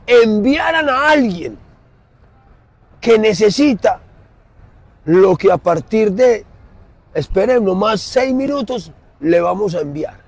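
A middle-aged man with a Colombian Spanish accent preaching emphatically in an outdoor city plaza, swinging from loud to soft. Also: sits high, creaky, husky, no room sound. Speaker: street preacher. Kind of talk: impassioned street sermon.

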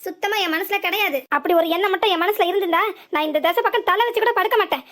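A woman's voice: extremely high pitch, fairly bright tone. A woman voicing an angry, stubborn village man with a southern Tamil Nadu accent, scolding in long reproaches. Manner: heated scolding, drawn-out reproach. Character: hot-tempered grown village man, hurt and stubborn.

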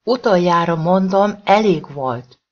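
A man voicing a desperate, furious woman who shouts at her abusive husband, in a storybook reading. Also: mid-range voice, very animated, breathy edge, highs cut off.

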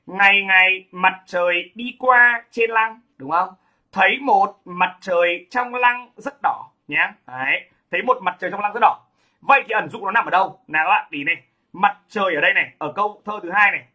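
Emphatic male teacher, high, bright and husky voice; lectures while constantly checking that students follow. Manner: emphatic, keeps asking "đúng không?". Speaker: literature teacher.

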